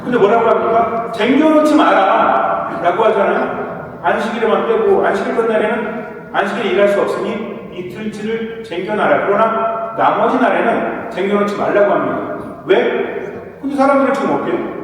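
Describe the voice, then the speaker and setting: Priest, male, Korean, question-and-answer sermon cadence, higher voice, far off in a reverberant hall. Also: moderate pace, a little hiss or hum. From South Korea. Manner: asks the audience questions, then answers them himself. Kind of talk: sermon-style lecture. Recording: echoey hall recorded from far off.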